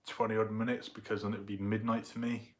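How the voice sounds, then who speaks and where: A man's voice: lowish voice, level tone, fast talker. A young man with a Southern English accent, chatting loosely and rambling with his viewers on a live stream. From England. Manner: rambling, loose, with many fillers. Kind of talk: casual live-stream chat.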